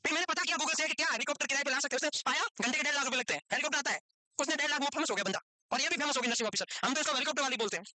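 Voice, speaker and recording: A man's voice: extremely high pitch, racing, sharp tone, no echo. A male nursing teacher lecturing his class, breaking off into chatty, teasing stories and jokes with his students. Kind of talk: classroom lecture with joking asides.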